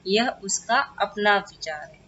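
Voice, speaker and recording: A woman teaching a grammar lesson with an Indian English accent. She reads the English slowly and word by word, then explains more quickly in Hindi. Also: medium pitch, expressive, bright, forceful tone, highs cut off, a little hiss or hum.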